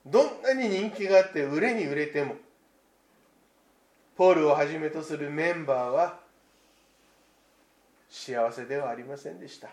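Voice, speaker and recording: A man preaching a Christmas sermon, slow and reflective with dramatic pauses. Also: fairly high pitch, animated, a little mellow, echoey room. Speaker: pastor.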